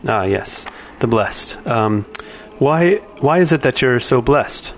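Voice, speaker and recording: A man's voice: medium pitch, expressive, slow, slight background noise. A man playing a polite, evasive adventurer in a tabletop game, hesitant and very courteous. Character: polite, evasive male adventurer seeking temple favors.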